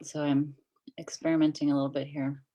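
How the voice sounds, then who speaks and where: A woman's voice: deep voice, level tone, brisk, mellow. A chatty woman hosts a casual coaching live stream over a video call. She sounds upbeat and laughs easily as she talks. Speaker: host of a coaching group.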